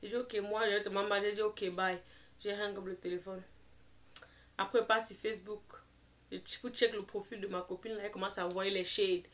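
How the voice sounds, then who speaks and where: A young woman recounts a story in a loose, chatty storytime manner. She slips English phrases into her talk and keeps reaching for fillers. Her voice sits at an ordinary middle pitch. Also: little pitch movement, fairly quick, a bit bright. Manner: leans on fillers like "genre" and "et tout et tout". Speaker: vlogger telling a story. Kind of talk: casual storytime.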